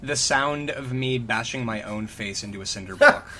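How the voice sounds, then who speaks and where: A man co-hosting a casual podcast, exasperated and profane, with quick joking asides. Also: mid-range voice, bright, forceful tone, a little hiss or hum. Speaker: podcast co-host. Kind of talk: casual banter.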